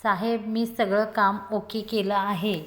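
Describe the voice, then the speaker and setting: A woman's voice: medium pitch, level tone, a little slow, fairly bright tone, reverberant, lightly acted. A woman voicing a polite deferential housemaid.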